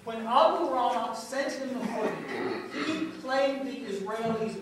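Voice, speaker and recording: An actor on stage playing a self-assured male media analyst who explains news footage step by step, often pausing on uh. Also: very high voice, noisy background. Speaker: stage actor in a multimedia play. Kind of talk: stage play dialogue. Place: theatre stage. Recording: echoey stage recorded from far off.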